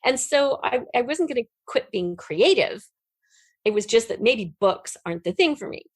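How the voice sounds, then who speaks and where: Being interviewed, this middle-aged audio drama writer spins animated, conversational anecdotes with candor and emphasis, breaking into laughter readily. Her voice leans high and lively with a breathy edge, moving at a normal speed. The studio sound is clean, with no room sound at all.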